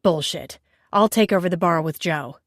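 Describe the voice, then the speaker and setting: A woman reading an angry male bar co-owner, shouting slowly and forcefully. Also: lowish voice, dry recording, studio quality, close to an everyday voice. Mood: snarling.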